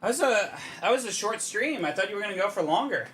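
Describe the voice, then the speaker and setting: A man's voice: high-pitched, lively intonation, fast, fairly bright tone, a little hiss or hum. A man streaming a visual novel, chatting casually and reading narration aloud in a playful, self-interrupting way. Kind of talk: casual livestream chat with read-aloud narration.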